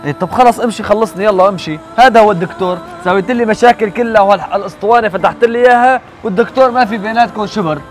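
A man's voice: high voice, rapid-fire, few pauses, faint music behind, lightly acted. A man playing an impatient grown son in a street drama, with a curt, dismissive way of talking. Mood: angry. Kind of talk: amateur street drama acting.

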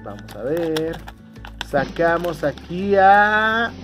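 Very slow yet very animated, a man with a highish voice unboxes toys casually for his viewers. He gushes with delighted cries and fond diminutives while music plays behind him.

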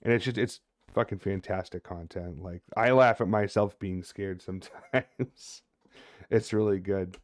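A man in his thirties with a fairly low voice, streaming a horror game. He chats casually to his viewers and swears freely as he plays. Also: fairly even intonation, unhurried. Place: indoor room at a streaming desk.

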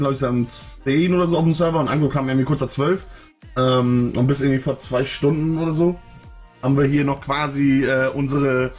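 A man hosting a gaming livestream, chatting loosely and upbeat with lots of fillers and chuckles. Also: medium pitch. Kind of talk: casual livestream chat.

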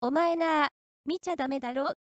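A woman voicing a creepy, unsettling man who talks to himself, rough and menacing in tone. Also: high-pitched, steady tone, a little fast, dry recording, dull audio, lightly acted. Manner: rough, menacing, then suddenly polite.

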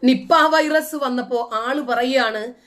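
A woman's voice: high-pitched, takes it slowly, fairly bright tone. A woman with a Malayali accent giving scornful commentary, full of mocking rhetorical questions, sometimes chanting quoted verses. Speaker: host. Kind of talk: casual commentary.

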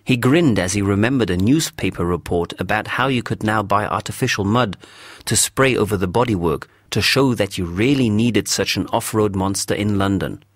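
A man narrating a story for English learners in a measured, clear storytelling voice. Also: lowish voice, dry recording, studio quality.

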